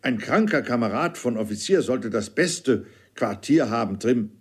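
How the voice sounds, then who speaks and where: A kindhearted retired old army captain, read by a man, soft-spoken and gentle. When pressed he turns stubborn and insistent, his level voice rising in pitch. Storybook reading. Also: lively intonation, moderate pace, breathy edge.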